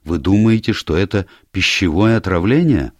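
A man reading an audiobook voices a young woman caught off guard, her lines lifted higher than his own deep voice. The delivery is dry and close to the mic, quick and exclamatory. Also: animated, no echo. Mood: urgent. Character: Susan Banks, composed young woman.

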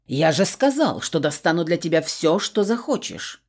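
An eager young man from a storybook, an ex out to win back favour, speaking low and carefully, as a woman reads him. The voice sits low, and the delivery stays soft. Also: sing-song, moderate pace, breathy edge.

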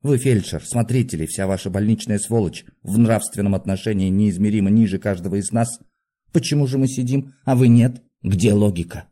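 A man voicing an agitated young male asylum patient who shouts bitter accusations. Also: lowish voice, fairly quick, natural voice. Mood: indignant.

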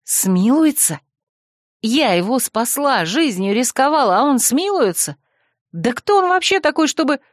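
A woman voicing a headstrong, stubborn young heroine in an audiobook, quick to flare up. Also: fairly high pitch, very animated, dry recording, studio quality. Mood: defiant. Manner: hot-tempered, stubborn, exclaiming. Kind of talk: audiobook character voice.

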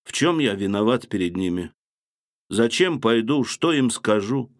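A man's voice: on the low side, lively intonation, unhurried, no echo, clean studio sound. An actor playing a feverish, brooding young man in a literary audiobook reading, with an intense confessional manner. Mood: bitter.

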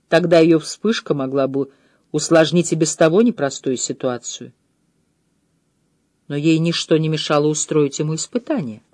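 A woman reading a mystery novel aloud in a measured, calm storytelling manner. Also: low-pitched, dry recording, studio quality. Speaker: audiobook reader. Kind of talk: scripted narration.

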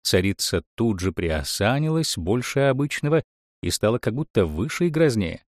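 A man narrating a fairy tale in an expressive, animated storytelling manner. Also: on the low side, moderate pace, no room sound, clean studio sound.

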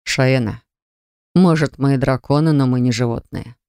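A stern male dragon, low and measured, spelling out each word with quiet authority, as a woman reader puts him on. The voice sits lower than the narration and sounds dry and close. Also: steady tone, clean tone, dry recording. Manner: slow, measured and commanding. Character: stern male dragon, the calm elder brother.

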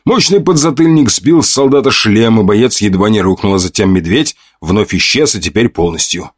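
A man's voice: on the low side, expressive, moderate pace, no room sound. A man narrating a first-person audiobook in a coarse, mocking manner full of slang, on a close mic.

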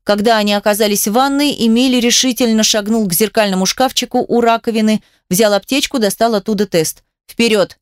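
A woman reading an audiobook, with measured and expressive scripted narration. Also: fairly high pitch, smooth, dry recording, clean studio sound.

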